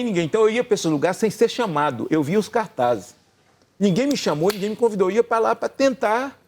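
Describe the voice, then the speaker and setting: An older Brazilian man telling a long personal story in casual chat, acting out the dialogue with lively swings in his voice. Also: high-pitched, gravelly. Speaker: gospel singer and senator telling a story.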